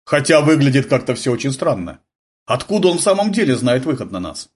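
A man's voice: mid-range voice, very animated, a little fast, breathy edge, pitched above the performer's own voice. A man doing a chatty, jovial army ensign. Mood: thoughtful. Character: chatty male army ensign, easygoing storyteller. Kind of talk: audiobook character voice.

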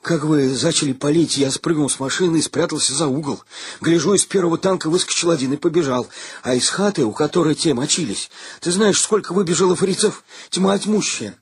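A man voicing an excitable young soldier who boasts rapidly about what he saw. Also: on the high side, slightly rough, dry recording, pitched above the performer's own voice. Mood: boastful, excited. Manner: rapid bragging tale, rising excitement.

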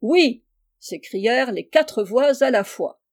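Woman reading an audiobook, warm soft tone, lively. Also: fairly high pitch, measured pace. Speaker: audiobook reader. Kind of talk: scripted storybook narration.

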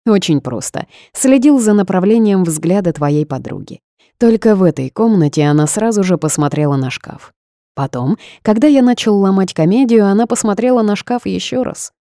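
A woman voicing a smug, seductive male boss who speaks calmly and commands. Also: medium pitch, moderate pace, no echo, clean studio sound, pitched above the performer's own voice, lightly acted.

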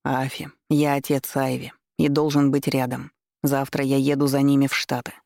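Woman reading a calm pleading husband, quiet and low, gravelly edge, dry close sound. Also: normal speed, no room sound. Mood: placating.

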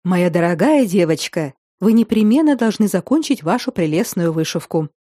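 An elderly nobleman full of quiet irony, put on by a woman narrator speaks calmly and teases gently. His delivery is dry and unhurried. The tone is low and mellow, and it is recorded close in a storybook reading. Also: dry recording. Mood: wry. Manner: dry, ironic. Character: ironic elderly nobleman, calm and teasing.

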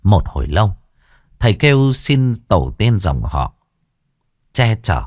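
A male storyteller narrates in a measured, expressive way, his fairly low voice rising and falling widely. The recording is dry and close, with no room sound. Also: no room sound.

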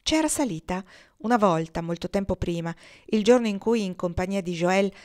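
A woman reading a novel aloud in a measured, expressive way. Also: mid-range voice. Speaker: audiobook reader.

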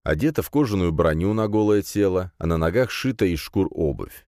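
Male narrator, deep and low, animated dramatic reading, dry booth sound. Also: a little fast, no room sound. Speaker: audiobook narrator. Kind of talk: first-person fantasy audiobook narration.

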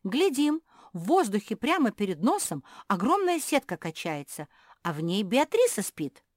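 A woman voicing a young girl animal who chatters rapidly and emotionally in a storybook. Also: on the high side, very animated, dry recording, studio quality, voice pushed up. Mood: chattering, emotional.

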